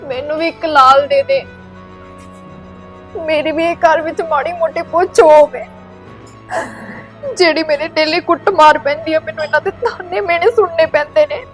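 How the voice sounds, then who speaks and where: Woman acting as a sad young wife, high pleading voice, bit of music behind. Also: lightly acted. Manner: pleading, plaintive. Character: mistreated young wife, longing for a child.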